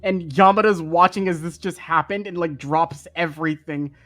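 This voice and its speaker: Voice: medium pitch, fairly even intonation, normal speed, a bit bright. A game master narrating an improvised tabletop role-playing scene for a stream. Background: music.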